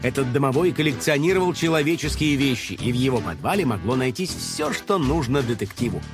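A man narrating a children's audiobook in an expressive, playful way. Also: medium pitch, brisk, music in the background.

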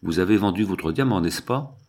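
A man's voice: sits low, expressive, moderate pace, darkish tone. A man reading a coaxing young woman. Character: young woman, lively, affectionate, fond of diamonds. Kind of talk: audiobook reading.

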